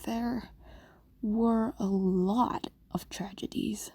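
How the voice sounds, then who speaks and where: This ASMR-style fantasy roleplay features a woman as a centuries-old fox demon who is tender, possessive and in love, her voice exaggerated. She whispers breathily at medium pitch with a steady tone, slow, intimate and coaxing, pausing often, in a wistful, fond mood. No echo is audible.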